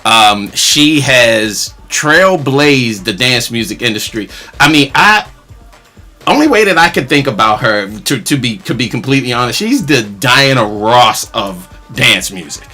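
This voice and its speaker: A man's voice: mid-range voice, lively intonation, unhurried, bright, forceful tone, faint music behind. A man, a DJ co-hosting an online show, talking playfully and joking as he introduces guests. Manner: playful, jokey, laughs often. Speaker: DJ and co-host. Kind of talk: playful skit and show chat.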